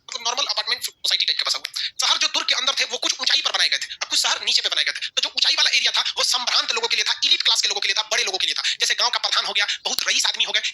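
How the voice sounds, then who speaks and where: A male teacher with a Bihari Hindi accent, lecturing a class rapidly and animatedly, asking questions and answering them himself. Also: very high-pitched, background noise. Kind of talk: classroom lecture with call-and-response.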